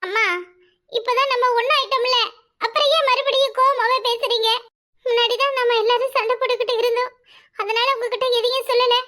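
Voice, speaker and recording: A woman voicing a high, bitter young village girl. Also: steady tone, a little fast, pushed and bright. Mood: vengeful. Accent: Kanyakumari Tamil. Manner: pleading, then cold and resentful. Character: vengeful young village daughter, secretive and bitter. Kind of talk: cartoon voice acting.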